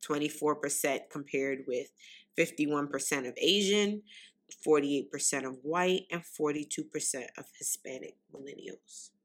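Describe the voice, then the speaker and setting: A young woman with a New York accent, hosting a podcast in a loud, unfiltered, casual way that speaks straight to listeners. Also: low voice, unhurried. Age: young adult. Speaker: podcast host.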